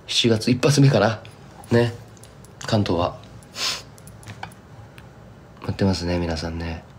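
A man's voice: sits low, slow pace, a little hiss or hum. A young man from Kumamoto chatting casually with fans on a live stream, rambling and slipping into thick Kumamoto dialect. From Kumamoto, Japan. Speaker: singer-songwriter streaming live.

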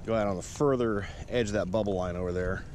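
Man, lowish voice, relaxed instructive vlog, outdoors at a lake, action-camera mic, clear outdoor noise. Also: quick pace. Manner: relaxed, instructive, talking to camera while working. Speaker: fishing vlogger. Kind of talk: casual how-to narration. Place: outdoors at a sunny lakeshore. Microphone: head-mounted action camera.

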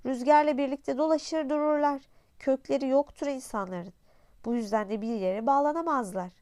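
A woman's voice: sits high, normal speed, a little mellow, clean tone, lightly acted. A woman voicing a small desert flower who speaks in an offhand, knowing way.

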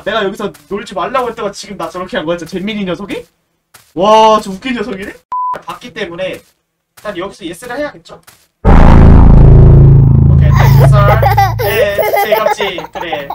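Jumpy Korean-speaking man gaming. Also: high-pitched. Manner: jumpy, yelps and shouts at scares, teasing banter. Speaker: gaming streamer. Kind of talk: horror game let's play commentary. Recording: distant mic with clear background noise.

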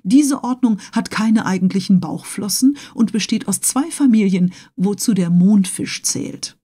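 A woman's voice: medium pitch, unhurried, warm tone, husky. A woman doing Conseil, a pedantic lecturing servant. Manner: lecturing, precise listing. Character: pedantic learned male servant, tireless.

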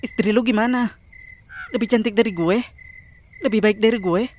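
A woman's voice: mid-range voice, moderate pace, a little mellow, slight background noise, close to an everyday voice. A woman voicing Meli, a jealous, clingy young female ghost in a cartoon, nagging and whiny. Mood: reproachful.

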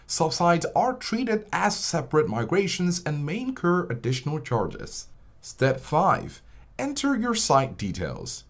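Lively-pitched tutorial voice-over narrator. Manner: steady step-by-step instructional delivery. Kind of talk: scripted screen-recording tutorial voice-over.

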